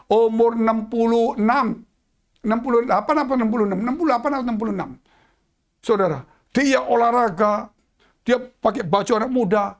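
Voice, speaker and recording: Male pastor mid-sermon; theatrical, swings from loud to near-whisper. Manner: dramatic swings in pitch and volume, drops to hushed tones; addresses congregation as "saudara". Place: church.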